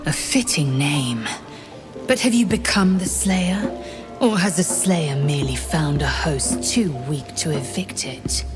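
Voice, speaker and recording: A woman playing a stern alien warrior in a video game, clipped, measured and disdainful. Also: deep voice, animated. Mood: cold disdain. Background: game music.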